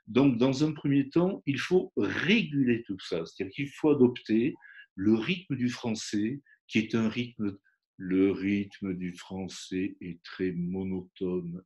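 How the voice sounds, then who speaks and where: A man's voice: mid-range voice, a little mellow. A man, a phonetics professor, explaining pronunciation teaching in an interview and demonstrating examples aloud.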